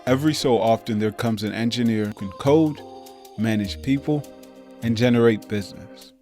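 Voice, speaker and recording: A man hosting a podcast, reading scripted introductions in a smooth, measured way. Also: mid-range voice, warm tone, soft background music. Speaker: podcast host.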